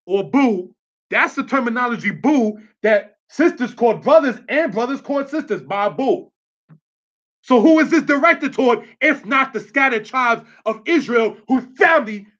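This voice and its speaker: A man's voice: sits high, a bit bright, muffled recording. A man giving a religious teaching in a preachy, streetwise way, often checking with "you understand?".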